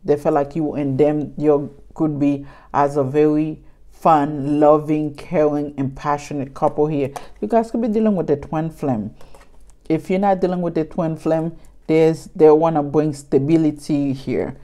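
A woman with a low, mellow voice gives a casual tarot reading to camera. She talks chattily, circling back over the same points and addressing her viewers directly. Her tone stays relaxed and warm-toned throughout. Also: a little slow. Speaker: tarot reader.

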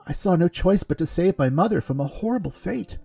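An earnest young cleric stammers out his pleas, voice raised high and strained, as a man plays him. The tone is husky and breathy. Soft music runs beneath. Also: big pitch swings, measured pace, full character voice. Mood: pleading, tearful. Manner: stammering, pleading, raised pitch. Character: young male cleric, earnest, tearful, devout.

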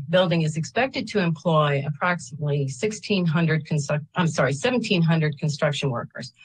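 A woman reads a prepared statement of support into her webcam at a public hearing. Her voice sits low and a little husky. She goes steadily through figures, pausing to correct small slips. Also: poor audio. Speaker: state agency representative giving public testimony. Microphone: computer webcam on a video call.

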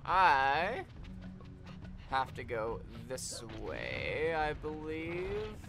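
Excitable young man yelling at a game. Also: a little high, drawn-out words, over music. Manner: excitable, swears a lot, yells at the game. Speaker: let's play gamer. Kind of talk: casual gameplay commentary.

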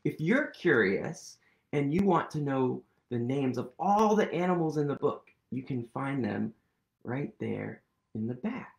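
A man's voice: medium pitch, expressive, a little slow, gravelly. A man hosting a museum storytime, talking casually and cheerfully to young viewers about a book he loves. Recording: roomy echo.

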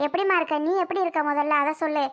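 Bossy protective sister-in-law , played by a child, high, bright, firm. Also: fairly even intonation, fast. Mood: concerned. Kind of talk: homemade family drama.

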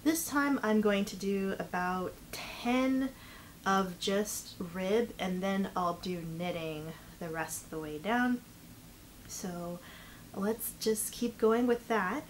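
A woman's voice: medium pitch, takes it slowly, poor audio. A young woman talking casually to camera as a vlog host, chewing gum so her words come out slightly mushy. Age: young adult. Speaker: knitting vlogger and host. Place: indoor living room, seated by a couch. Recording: clear background room noise.

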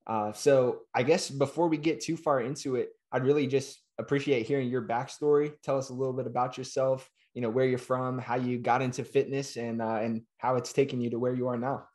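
Recorded on a webcam or laptop mic, this podcast host is a man in his twenties running a casual video-call interview from a small home room. He sounds upbeat and friendly with quick affirmations, his medium-pitched voice steady and somewhat dark.

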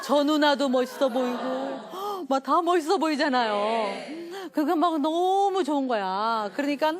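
Woman, middle-aged, professor, parenting lecture, high voice, animated storytelling, acts out voices. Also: measured pace, a crowd in the background. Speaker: professor teaching a parenting class. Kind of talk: lecture with anecdotes.

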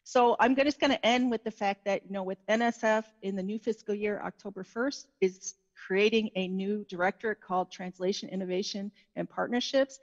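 A woman talks over a video call headset, her audio dry and a little dull. She speaks earnestly and deliberately as a panelist, with the odd filler. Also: mid-range voice, no echo. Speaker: panelist, science agency director. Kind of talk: panel discussion remarks.

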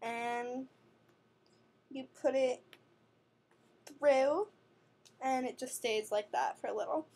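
A teenage beauty vlogger from New York City speaks in a high, slightly mellow voice, slowly and with frequent pauses. She rambles about her skin products in her bedroom at night, recorded by a desk webcam, using many fillers and correcting herself often.

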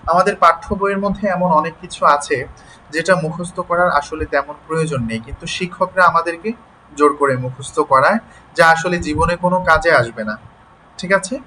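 Guy teaching an online class, fairly high bright voice, keeps asking "ok?", faint noise behind. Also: low-quality recording. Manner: explains slowly, checks in with "ঠিক আছে?"; spells out sounds syllable by syllable.

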